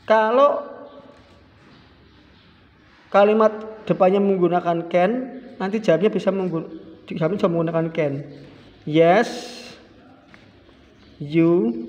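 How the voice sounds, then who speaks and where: A male primary school teacher, explaining a lesson in a relaxed, chatty way and repeating examples slowly. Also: high-pitched. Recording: dull lo-fi sound with long reverb.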